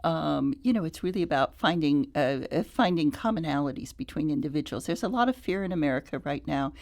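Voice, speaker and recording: A woman being interviewed on the radio as head of a nonprofit, speaking thoughtfully and haltingly with many restarts. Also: deep voice, expressive, a little mellow. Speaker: nonprofit CEO, guest.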